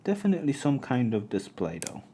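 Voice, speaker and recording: Here the electronics streamer, born in Poland and raised mainly in England, talks briskly in a warm, sing-song, medium-pitched voice while pulling apart an old camera. He hesitates, starts sentences over, and mutters to himself, with a little hiss or hum in the audio.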